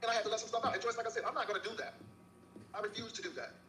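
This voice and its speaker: A man with a high, bright, sharp voice lectures a rival in a scolding, preachy monologue. He sounds set back from the mic in an echoey room, with a faint hiss underneath. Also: racing, distant mic. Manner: scolding, preachy, repeats her name. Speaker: YouTuber in a clip. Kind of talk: heated monologue addressing a rival.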